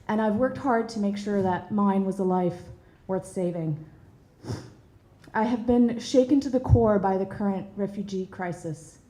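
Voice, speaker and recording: A woman in her thirties from Bosnia and Herzegovina tells an audience a personal story, earnest and measured, with soft pauses and hesitations. Her mid-range voice is warm and mellow, echoing slightly in the room.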